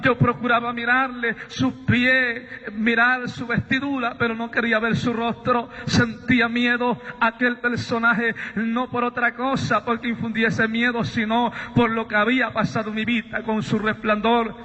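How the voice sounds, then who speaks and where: A man's voice: extremely high pitch, completely flat delivery, moderate pace, few pauses, sharp tone, in a large hall, muffled recording. A man giving an earnest, sermon-style testimony, often addressing his brothers and friends.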